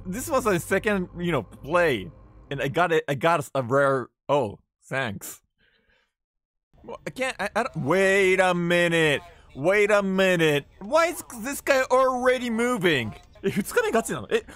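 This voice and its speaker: A man's voice: sits high, a bit bright, no echo. A man streaming a horror game, panicky and yelping at scares, mixing Japanese and English and putting on overly polite, refined-lady speech. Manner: panicky, shrieks and yelps at scares. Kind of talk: live game stream commentary.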